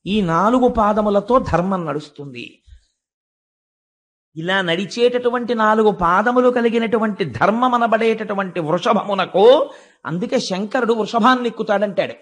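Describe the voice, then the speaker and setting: A man giving a devotional discourse who tells a sacred story, asks his listeners questions and slows down to recite verses. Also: high voice, fairly bright tone. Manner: emphatic, asks the audience questions. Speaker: religious discourse speaker.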